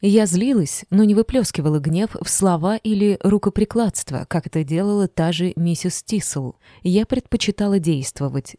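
Female audiobook narrator, expressive first-person reading, low-ish pitch, dry close recording. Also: no room sound. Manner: expressive storytelling.

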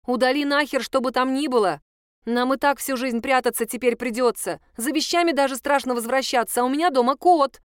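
A woman's voice: high voice, a little fast, clean tone, no room sound, clean studio sound, pitched above the performer's own voice, close to an everyday voice. A woman voicing a brash, foul-mouthed young woman who is sarcastic and bossy. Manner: crude, mocking, bossy.

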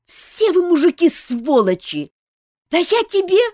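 A woman voicing a hot-tempered young woman who yells and swears bluntly. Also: high-pitched, wildly swooping pitch, moderate pace, dry recording, clean studio sound, voice pushed up, full character voice. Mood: furious.

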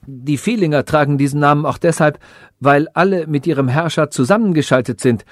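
A man's voice: fairly high pitch, brisk, no echo, natural voice. Man playing a nervous, clever old sage. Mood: hurried. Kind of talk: audiobook reading.

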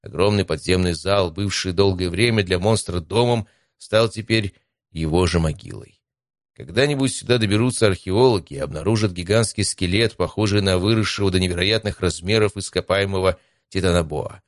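A man with a very deep voice reads an adventure audiobook in a calm, even first-person narration. The sound is close and completely dry, with no room echo. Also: brisk.

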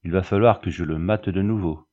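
A man's voice: low voice, brisk, darkish tone, dull audio. A man voicing a brutal, coarse man of about thirty-five who bullies and threatens. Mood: impatient, menacing. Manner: bullying, threatening.

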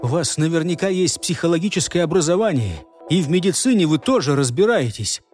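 A man voicing a gruff, commanding, burly male coordinator of a space base. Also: on the high side, animated, brisk, a little mellow, faint music behind, natural voice. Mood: relieved.

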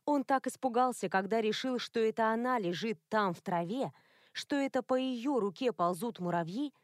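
A woman narrating a novel in a measured, expressive reading style. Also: a little high, no echo, studio quality. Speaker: audiobook narrator. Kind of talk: scripted narration.

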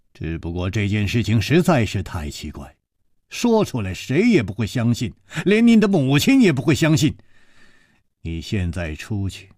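A man voicing a calm, gentle, self-assured male hero in a storybook reading. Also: no echo, studio quality. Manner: soft, low, measured.

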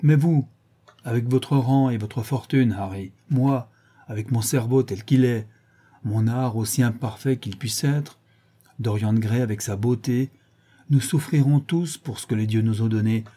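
Male reader as a secretive young painter, earnest and confiding; dark, husky voice. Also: mid-range voice, measured pace.

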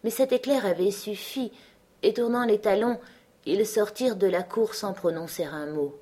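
A woman narrating an audiobook in a steady, clear reading manner. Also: medium pitch, moderate pace. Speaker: audiobook reader. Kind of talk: scripted narration.

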